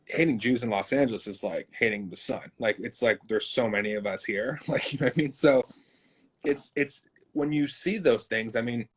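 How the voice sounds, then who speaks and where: A man hosting an interview, talking in an animated way with many fillers. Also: mid-range voice, moderate pace, breathy edge. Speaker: host. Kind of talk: conversational interview.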